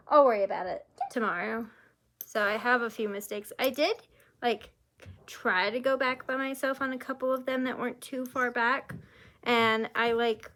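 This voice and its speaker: A woman with a voice a little higher than most chats casually in a home vlog. She rambles in an easygoing way and drops "like" as a filler as she explains her work. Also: fairly bright tone. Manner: rambling, chatty, many "like" fillers. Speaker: crochet vlogger.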